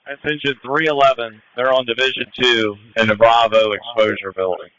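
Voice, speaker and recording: A man's voice: mid-range voice, level tone, fairly quick, fairly bright tone, dry recording. A man giving firefighter radio reports to command from the fireground over a two-way radio. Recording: noisy, muffled firefighter radio transmission.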